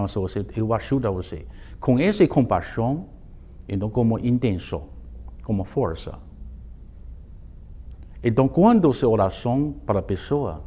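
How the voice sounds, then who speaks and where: A man, a Taoist master, giving an informal spoken lesson in simplified non-native grammar, often restarting words and telling stories with sudden lifts in pitch. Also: dark tone. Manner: storytelling with bursts of raised pitch. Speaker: Taoist master teaching a course.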